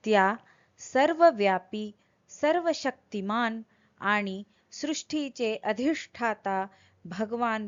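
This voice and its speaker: Very slow, over-enunciating woman reciter. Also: medium pitch, highs cut off. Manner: over-enunciated, deliberate, clearly separated words. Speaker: teacher of Sanskrit hymn recitation. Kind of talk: slow scripture recitation with explanation.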